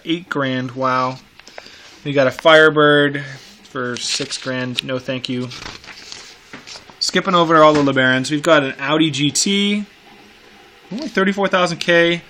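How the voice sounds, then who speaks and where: Pushed and bright, on the high side, a man's voice delivers casual, unscripted car-enthusiast commentary while looking through classified ads, with wry, excited remarks muttered to himself.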